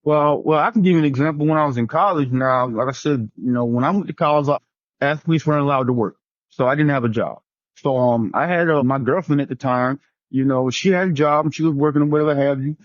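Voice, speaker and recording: A man's voice: a little high, fast talker, dry recording, lo-fi sound. A man on a relationship panel, talking casually and rambling, often repeating himself. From New Jersey.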